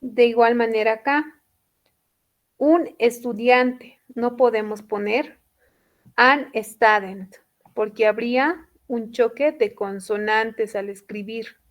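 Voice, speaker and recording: Slow, patient woman teaching a class. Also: on the high side, a little mellow. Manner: patient, repeats points and checks understanding. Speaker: English teacher. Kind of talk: classroom lesson explanation.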